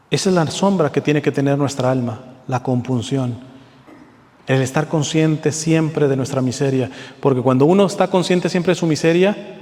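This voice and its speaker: A man preaching a sermon to a seated audience, earnest, with slow, deliberate readings and rising emphasis. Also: medium pitch, a little mellow, big-room sound.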